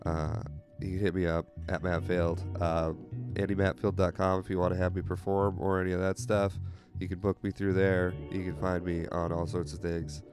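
A congested man hosts a podcast with a very low voice, rambling through self-deprecating jokes. Music plays clearly behind him. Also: flat delivery, normal speed, hardly any pauses. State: congested from illness. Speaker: podcast host. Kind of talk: casual podcast chat.

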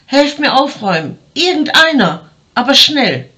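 A woman voicing an agitated man who shouts in a panic about his messy house. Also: fairly low pitch, measured pace, lightly acted. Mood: frantic. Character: frantic house-proud man expecting a holy guest.

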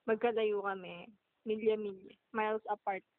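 A woman's voice: medium pitch, steady tone, moderate pace, no echo. A young Filipino woman co-hosting a podcast, chatting and giggling over a phone call. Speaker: podcast co-host. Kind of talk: casual chat. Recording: tinny phone line.

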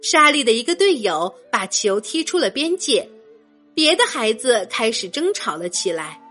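A woman telling a story to children in a gentle, expressive way, addressing them directly as the host of her storytelling channel. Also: fairly high pitch, normal speed, faint music behind.

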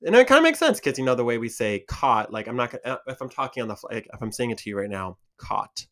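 A young man hosts a casual podcast. He rambles along at a mid pitch, full of fillers and asides. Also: big pitch swings, very fast, fairly bright tone. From Michigan. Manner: chatty, rambling, lots of fillers and laughs. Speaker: podcast host. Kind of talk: casual chat.

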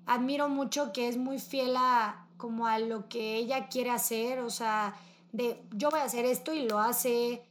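A woman's voice: fairly high pitch, steady tone, unhurried, slight background noise. Heartfelt young Mexican woman, slangy. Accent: Mexican Spanish. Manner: slangy, heartfelt, filler-heavy. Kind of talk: casual emotional chat with a friend.

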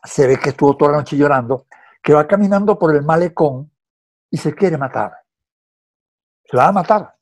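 A man's voice: a little high, moderate pace, long pauses, slight background noise. A man with a Venezuelan accent in casual film chat, hesitant and repeating words as he tells stories.

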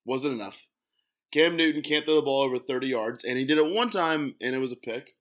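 Guy on a sports podcast, bright forceful voice, gets worked up fast. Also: mid-range voice. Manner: animated, gets fired up and rants. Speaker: podcast co-host. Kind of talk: casual sports chat.

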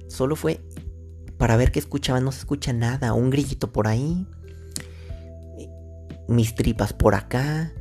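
A man's voice: mid-range voice, mellow. A man with a Mexican accent hosting his own casual solo podcast, rambling and slangy, thinking aloud and drifting off topic, into his own microphone. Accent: Mexican Spanish. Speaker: podcast host.

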